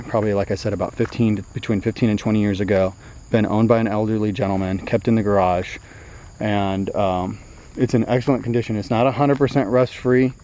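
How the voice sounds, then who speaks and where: A man showing an old car and chatting about it casually, rambling with plenty of fillers. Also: lowish voice. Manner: easygoing, rambling with many fillers. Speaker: classic car dealer. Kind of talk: casual walkaround commentary. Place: outdoors around an old car. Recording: loud outdoor noise.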